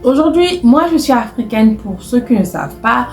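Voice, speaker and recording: A woman's voice: on the high side, lively intonation, moderate pace, darkish tone, roomy sound, soft background music. A woman from the Republic of the Congo who gives casual relationship advice, talks straight to her viewers and repeats phrases for emphasis. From Republic of the Congo (Brazzaville). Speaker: vlogger. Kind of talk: casual advice talk to camera.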